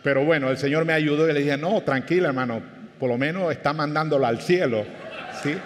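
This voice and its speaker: A man's voice: fairly high pitch, fairly quick, in a large hall, slight background noise. A man with a Panamanian Spanish accent, a pastor preaching a sermon in a conversational way, with anecdotes and questions to the congregation.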